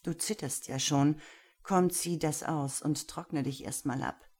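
A woman voicing a self-assured older man who speaks slowly with teasing calm. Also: low voice, husky. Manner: slow, teasing, unhurried.

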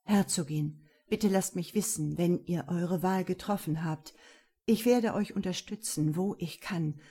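Brief: woman doing a devoted, impulsive young man, earnest, mellow husky tone. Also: lowish voice, unhurried.

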